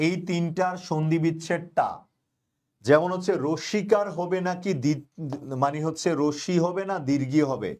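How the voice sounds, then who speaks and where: A young man teaching grammar, his voice sitting a little high for a man. He drills his students over and over, asking a question and then supplying the answer himself. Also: normal speed, a little mellow. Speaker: admission coaching teacher. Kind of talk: online grammar class.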